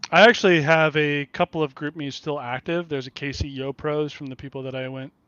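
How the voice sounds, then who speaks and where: Male host, casual and profane, laughs easily; slightly high voice, muffled dry lo-fi recording. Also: fairly even intonation, fairly quick, fairly bright tone, clear, resonant tone, no room sound. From Kansas City area, USA. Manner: profane, blunt, laughs a lot. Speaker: podcast host. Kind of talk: casual chat. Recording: dull lo-fi dry sound.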